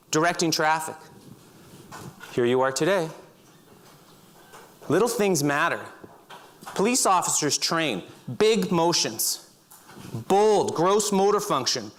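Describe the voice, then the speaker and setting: A middle-aged man telling vivid second-person stories on a stage, breaking into loud shouts. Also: fairly high pitch. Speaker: speaker. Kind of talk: storytelling talk. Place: auditorium stage.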